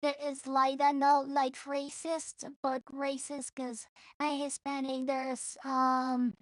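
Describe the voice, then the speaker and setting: Speaking English slowly in a high, flat voice, this Salvadoran streamer wanders through a casual vlog, cursing bluntly and breaking off her thoughts only to start them again. The audio sounds close and dry.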